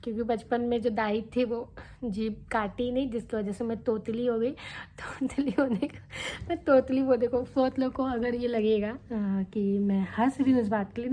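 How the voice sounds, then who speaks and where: A young woman talking casually to her viewers in a candid, chatty vlog. Her voice sits a little high, with a soft, mellow tone. She keeps checking in with her listeners as she goes. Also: a little hiss or hum. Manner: chatty, candid, tags lines with "theek hai" and "hai na". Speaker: vlogger. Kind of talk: casual talk to camera.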